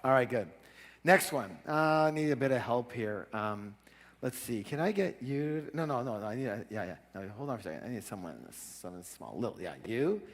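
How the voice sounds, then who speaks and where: Male seminar speaker, energetic, prods the crowd to answer, mid-pitched, long hall reverb. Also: moderate pace. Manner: energetic, asks audience for call-and-response. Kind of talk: live seminar talk.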